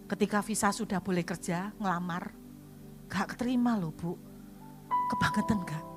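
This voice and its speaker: A middle-aged woman pastor from Indonesia, preaching a sermon as lively storytelling and acting out the dialogue. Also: mid-range voice.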